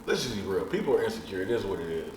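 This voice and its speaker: A man's voice: deep voice, big pitch swings, very fast, distant mic. Man, thirties, blunt and frank, casual swearing, echoey room, faint noise. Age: 30s. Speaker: podcast guest. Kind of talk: casual chat.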